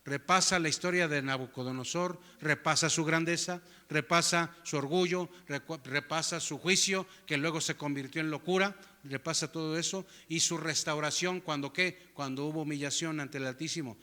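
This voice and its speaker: A man preaching a sermon with a bright, forceful tone and a voice that sits a little high. He keeps checking in with his congregation through rhetorical questions. The sound carries a long reverb from the church hall around him. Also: fairly even intonation, moderate pace, few pauses. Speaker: pastor. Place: church sanctuary.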